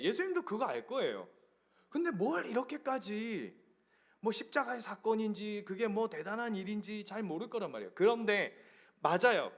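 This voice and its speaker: Pastor guy preaching, high voice that swings all over, keeps asking the congregation stuff. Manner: animated, questions the congregation. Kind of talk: sermon.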